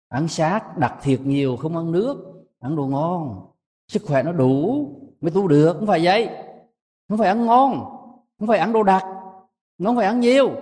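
A man giving a measured, emphatic dharma talk to a monastic assembly, rising high to stress his points. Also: mellow, long reverb tail. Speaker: Buddhist monk teacher.

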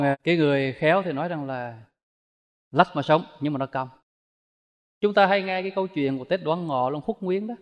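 A Buddhist monk gives a dharma talk, his voice sitting fairly high for a man. He preaches in a folksy, storytelling manner, throwing rhetorical questions at his listeners. His words ring out with a long, lingering reverb, as if spoken in a large hall.

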